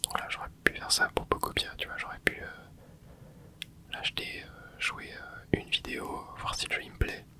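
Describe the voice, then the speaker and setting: At a moderate pace, this ASMR creator keeps up a gentle, unvoiced whisper while playing a video game, her commentary meandering and halting, full of fillers and false starts.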